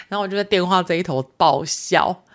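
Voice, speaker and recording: A woman podcast host with a Taiwanese Mandarin accent, telling everyday stories in a chatty, casual monologue mixed with Hokkien phrases. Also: lowish voice.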